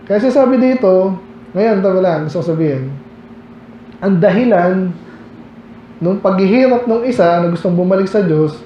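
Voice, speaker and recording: A man's voice: high voice, expressive, normal speed, pauses often, mellow, reverberant, muffled recording, slight background noise. A male pastor with a Filipino accent, preaching a Bible study in a chatty way, asking his listeners questions and reading old scripture verses aloud. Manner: conversational preaching with rhetorical questions, reads King James verses aloud. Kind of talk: Baptist sermon, Bible study. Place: church hall.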